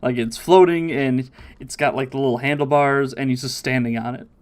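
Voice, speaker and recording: Animated man recapping on a podcast. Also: mid-range voice, brisk. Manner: animated, mimics characters' voices while recapping. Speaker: podcast host. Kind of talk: casual podcast chat, recapping episodes.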